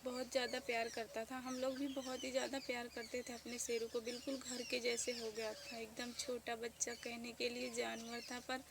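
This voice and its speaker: A woman in her thirties speaking softly with grief as she tells a casual village vlog story outdoors. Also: on the high side, monotone, normal speed, vocal fry, hardly any pauses. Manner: grieving, soft-spoken. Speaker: village vlogger. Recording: noisy outdoor village ambience.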